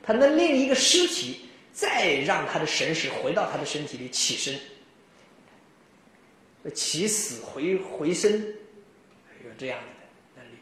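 A man giving a Buddhist dharma talk, telling stories in an animated way and often chuckling. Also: a little high, measured pace, pauses often. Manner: animated storytelling, frequent chuckles. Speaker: Buddhist teacher. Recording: very echoey room.

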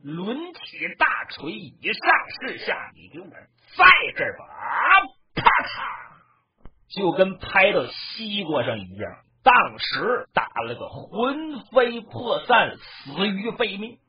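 A traditional storyteller narrating a battle tale dramatically, with shouted lines and mouth sound effects. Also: medium pitch, wildly swooping pitch, slow pace, slightly rough. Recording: dull lo-fi recording.

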